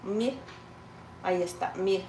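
A woman's voice: lowish voice, takes it slowly, vocal fry, warm tone, roomy sound, slight background noise. A woman chatting casually while she cooks in her home kitchen, rambling fondly to the viewer. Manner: chatty, rambling, calls the viewer "niña" and "hija linda". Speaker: cooking vlogger. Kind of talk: casual chat while cooking.

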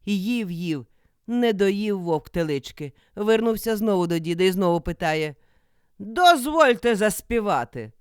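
An actress with a Ukrainian accent, reading a folk fairy tale aloud in an expressive, dramatic way. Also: female voice, fairly low pitch, a little slow, clear, resonant tone, no echo, clean studio sound. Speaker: actress narrator. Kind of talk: storybook reading.

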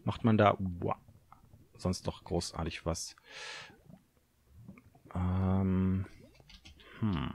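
A man's voice: low-pitched, steady tone, extremely slow, creaky, long pauses, darkish tone, slight background noise. A young German man commenting on his own game, nervous and talking to himself, swearing at monsters. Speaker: gaming video host. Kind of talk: Let's Play commentary.

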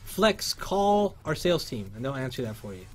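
The host is a man from Cuba in his thirties, running a casual livestream in an indoor workshop studio and reading chat questions aloud through his headset. His mid-range voice is sing-song at a normal speed over soft background music, and he's upbeat and sings along.

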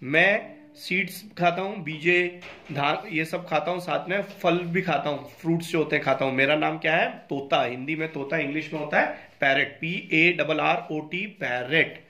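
Male teacher, recorded lesson, bright voice, slightly high, Hindi mixed with English, slow clear spelling. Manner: spells words out letter by letter; mixes Hindi with English words. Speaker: school teacher. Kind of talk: recorded online class lesson.

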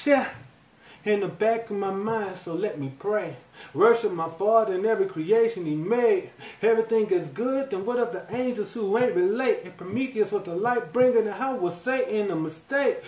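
A man raps a one-take freestyle in a high, ringing voice, sometimes breaking into shouted lines. He is recorded from across a small room at home, so the voice sounds distant and echoey. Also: normal speed. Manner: rhythmic rapping with sudden shouted lines. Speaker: rapper. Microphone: far 360 camera. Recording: echoey room, voice far from the mic.

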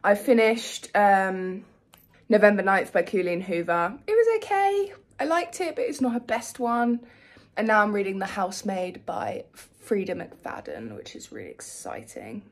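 A woman's voice: mid-range voice, big pitch swings, a little slow. A young woman in her twenties with a British accent, chatting casually through her day as a vlogger and personal trainer, rambling and self-deprecating, recorded on a phone propped up at home and at the gym. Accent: British English. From United Kingdom. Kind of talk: casual day-in-the-life vlog. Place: home rooms, then a gym. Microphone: phone camera propped nearby.

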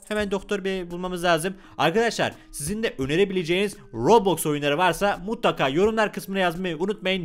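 A man giving playful gameplay commentary as a gaming YouTuber, excitable and playfully whiny. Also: high-pitched.

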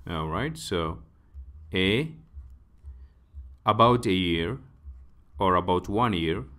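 A man with an Ethiopian accent teaching English phrases, whose first language is Amharic, saying each phrase slowly and repeating it. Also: low voice, expressive, a bit bright. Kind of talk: slow, repeated lesson dictation.

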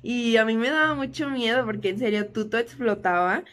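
A young woman with a Mexican Spanish accent telling a storytime vlog, animated and laughing often as she acts out the quotes. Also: on the high side, moderate pace. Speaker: vlogger.

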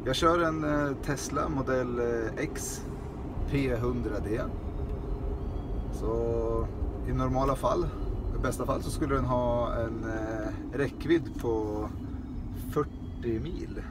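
Swedish man vlogging from a noisy car. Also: medium pitch. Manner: relaxed, talking while driving, many hesitations. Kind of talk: casual driving vlog. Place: inside a moving car. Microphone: camera on the dashboard. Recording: loud road noise in a car. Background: loud car and road noise.

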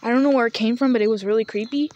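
A young woman chats through a casual vlog as she walks a farm yard, frequently lowering to a whisper. Her voice is a little high, a little mellow and rapid-fire, and the audio is dull, noisy outdoor sound from a handheld phone camera.

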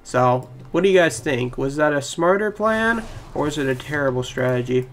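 A young man talks through his own match as it happens, rambling and excitable. His voice sits a bit high for a man. Keyboard clicks rattle behind him as he plays. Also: normal speed, slight background noise. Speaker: gaming channel host. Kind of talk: live gameplay commentary. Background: keyboard typing.

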